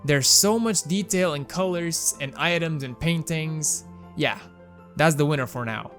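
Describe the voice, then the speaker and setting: A young man with a Romanian accent hosts a gaming channel, giving a casual, wry and self-mocking voice-over about a game mod. His voice is a little high and fairly bright, his pace unhurried, with faint music behind him.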